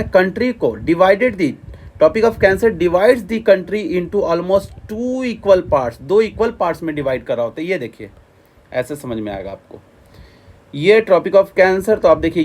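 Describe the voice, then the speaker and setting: Teacher type man, fairly high voice, repetitive quiz-style explaining. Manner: repetitive, quizzing, asks and answers himself; mixes English terms into explanations. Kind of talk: classroom lecture.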